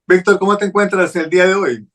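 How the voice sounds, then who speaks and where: Bright-voiced male interview host. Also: high-pitched, fast. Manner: friendly, short prompting questions. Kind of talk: interview hosting.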